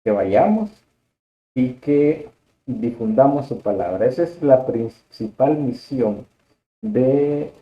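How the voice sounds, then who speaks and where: A man giving a religious lesson on the liturgy, explaining at a measured pace and repeating key points to stress them. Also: mid-range voice, lively intonation. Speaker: catechist teaching on the liturgy. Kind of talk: religious teaching talk. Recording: dull, roomy lo-fi audio.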